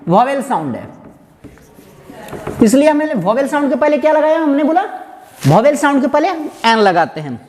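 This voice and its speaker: High-voiced male teacher in an echoey hall. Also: very animated, normal speed, long pauses, a little mellow. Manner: asks rhetorical questions and answers them himself; keeps addressing listeners as "my dear friend". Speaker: English grammar teacher. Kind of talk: explanatory classroom lesson. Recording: echoey hall with faint noise.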